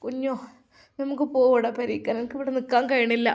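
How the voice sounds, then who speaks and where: Brief: a high, tearful grieving young wife, voiced by a woman, storybook. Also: little pitch movement, quick pace, a little mellow. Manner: tearful, breaking pleading.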